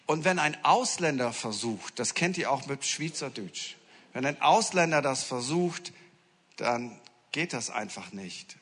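A man's voice: medium pitch, a bit bright, long reverb tail. A male preacher giving a sermon, telling funny stories to his congregation. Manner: humorous anecdotal storytelling to a congregation.

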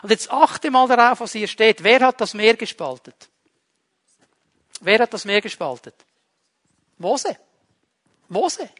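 High-voiced preacher, lively. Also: male voice, a little slow, pauses often. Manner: lively, asks rhetorical questions, swings between loud and hushed. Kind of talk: sermon.

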